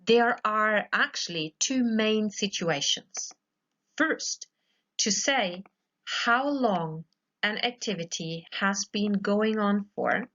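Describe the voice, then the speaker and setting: A woman's voice: mid-range voice, lively intonation, takes it slowly, a bit bright. A woman teaches English grammar in a recorded lesson for schoolchildren. She goes patiently step by step and keeps checking that her pupils follow. The voice-over sounds a little dull and lo-fi. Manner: patient, explains step by step, often checks with "okay?".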